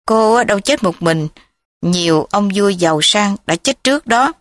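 A woman voicing a calm old man who gravely consoles a condemned woman. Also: medium pitch, normal speed, no echo, natural voice.

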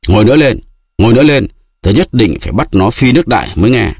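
A man voicing a drunken, brutal peasant who shouts and brags loudly, in an audiobook reading. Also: mid-range voice, expressive, fast, breathy edge, no echo, clean studio sound, voice pushed up. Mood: furious. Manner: shouting, blustering.

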